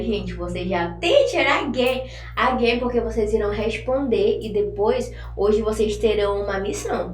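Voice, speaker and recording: A woman teaching an online English lesson, chatting casually and drilling phrases slowly for students to repeat. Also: medium pitch, a little mellow, distant mic. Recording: echoey room, voice from off-mic, faint hum.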